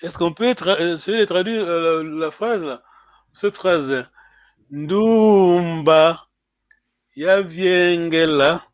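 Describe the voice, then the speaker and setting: This is a man running a language lesson on a video call. His voice sits high and he takes his time, repeating each word patiently. The call audio is slightly dull and lo-fi. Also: no echo. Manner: repeats words slowly, frequent "hein" checks; switches between French and Portuguese. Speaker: language teacher. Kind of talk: online class teaching.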